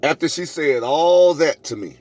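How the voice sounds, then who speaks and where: A middle-aged man vlogs a personal story to camera, emphatic and preachy, repeating phrases for effect and acting out both sides of arguments. His voice is fairly high and expressive with a darkish tone, at normal speed. The recording is dry.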